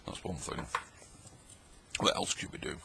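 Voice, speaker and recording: This casual late-night vlog features a middle-aged man sampling old tinned food at his table, chatting and joking in a rambling way as he eats. He speaks unhurriedly, over background noise.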